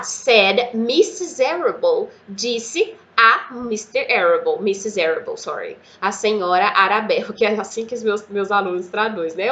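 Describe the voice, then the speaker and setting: A woman with a Brazilian Portuguese accent gives a casual, lively English lesson, slowly repeating words for learners, in a mid-range voice.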